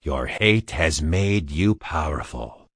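An actor playing a sinister old male emperor, a gloating tyrant who taunts slowly in a husky, menacing voice. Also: very deep voice, expressive, fairly bright tone, no room sound, clean studio sound, full character voice. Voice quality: gravelly, husky, menacing whisper-like delivery. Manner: slow, taunting, relishing cruelty.

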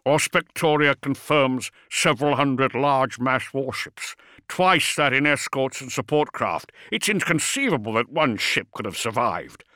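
Man doing a slow mumbling bridge officer. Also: mid-range voice, expressive, bright, forceful tone, no echo, clean studio sound, voice pushed up. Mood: grave mumbling.

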